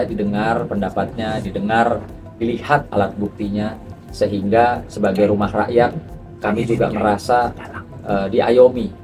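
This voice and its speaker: Measured lawyer, low voice, far off. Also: male voice, a little mellow. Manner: measured, repeats points with a filler "ya". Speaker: lawyer giving a statement. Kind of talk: press statement. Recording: far from mic with music behind.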